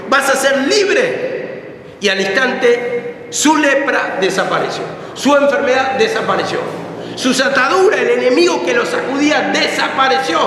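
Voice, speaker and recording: A man's voice: very high voice, pushed and bright. A man with a Rioplatense Spanish accent preaching a sermon fervently, repeating phrases for emphasis, heard in an echoey church hall. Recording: echoey hall with faint ambient noise.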